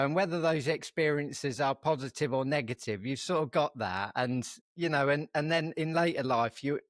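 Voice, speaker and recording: A man's voice: medium pitch, no echo, studio quality. A man in his fifties hosting a podcast interview, encouraging and reflective, with lots of "like" and "you know". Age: 50s. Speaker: podcast host. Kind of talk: casual interview conversation.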